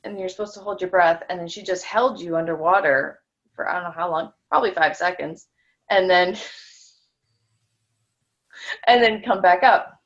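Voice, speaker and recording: A woman's voice: lowish voice, fairly even intonation, brisk. A woman in a tapping session who repeats phrases and hesitantly recounts a childhood memory, stumbling over her words. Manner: hesitant, stumbling restarts, soft. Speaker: client in demonstration. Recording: dull lo-fi sound.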